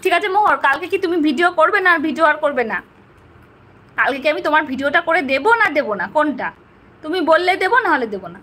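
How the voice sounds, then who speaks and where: A woman's voice: high voice, animated, fast talker, fairly bright tone. A woman, a mother vlogging at home on her phone, coaxing and teasing her small son in a sing-song voice. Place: at home indoors.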